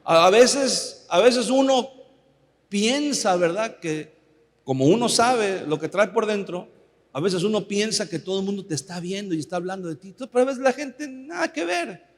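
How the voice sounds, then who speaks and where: A pastor preaching a sermon in a conversational way, often asking the congregation for agreement. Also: male voice, sits high, animated, normal speed. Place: church. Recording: long reverb of a church hall.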